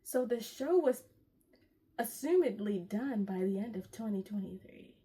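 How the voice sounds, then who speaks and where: A woman's voice: mid-range voice, animated, a little slow, dark tone, breathy edge. A woman with a Chicago accent giving casual, exasperated commentary in a video essay, full of rhetorical questions. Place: home at night.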